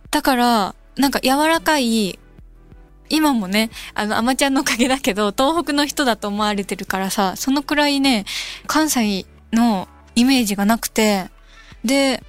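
A young woman from Kansai hosts a radio programme, reading out listener letters and then thinking aloud in a loose, unhurried way. Her voice sits a little high. Faint music plays softly behind her. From Kansai, Japan. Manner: relaxed, musing, thinks aloud. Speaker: radio host. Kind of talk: casual radio talk reading listener mail. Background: soft background music.

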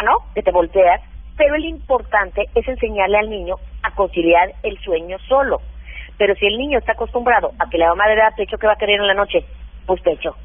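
A woman parenting expert giving practical advice in an animated, hands-on way during a radio interview, heard over a phone line. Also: medium pitch, dry recording. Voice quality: practical, animated, acts out what mothers say.

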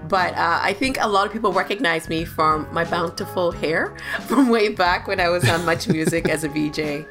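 A woman co-hosting a podcast in casual chat, talkative and quick to laugh. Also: deep voice, creaky. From Canada. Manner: chatty, laughs often. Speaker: podcast co-host.

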